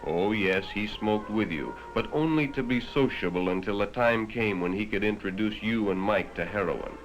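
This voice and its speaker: The recording is rough, a vintage 1960s film soundtrack where prominent music plays under the narration. An American man with a fairly low pitch reads his script at normal speed. He speaks directly to the listener in the grave, dramatic, moralizing tone of a 1960s educational film.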